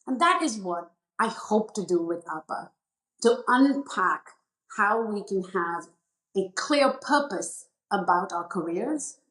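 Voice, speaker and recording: A middle-aged woman from India hosting a podcast, speaking in a measured, earnest way and setting out her points in short phrases. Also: mid-range voice, expressive, fairly bright tone, reverberant, low-quality recording. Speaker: podcast host. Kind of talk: reflective podcast talk.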